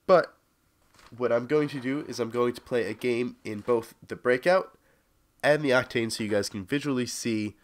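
A young adult man with a mid-range voice hosts a gaming video, offering casual gameplay commentary. He sounds congested and sick with a cold.

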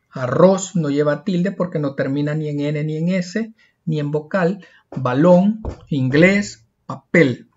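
A male teacher explaining a lesson, asking questions and answering them himself, slowing down to spell out example words one by one. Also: on the high side. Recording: dull lo-fi recording.

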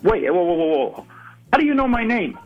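A man's voice: sits high, lively intonation, fairly quick, faint music behind. Stammering, exasperated man on a muffled phone call. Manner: stammering, exasperated, repeating himself. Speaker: prank call victim.

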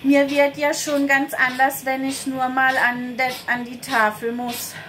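A woman voicing a stubborn, easily annoyed schoolgirl in a storybook reading, sharp and defiant. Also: high-pitched, level tone, unhurried.

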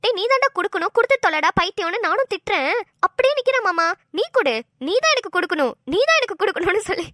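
Woman voicing fast-talking young wife, very high, teasing, chatty, cartoon. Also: no echo, clean studio sound, full character voice. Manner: chatty, teasing, animated storytelling.

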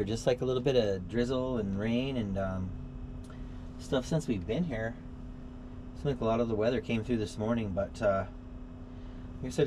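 Middle-aged man, casual vlog, chatty, laid-back, many fillers, inside truck camper, noticeable heater hum. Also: fairly low pitch. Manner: relaxed, chatty, laughs often, many fillers. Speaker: vlogger. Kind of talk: casual vlog talk to camera. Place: inside a small truck camper shell at night.

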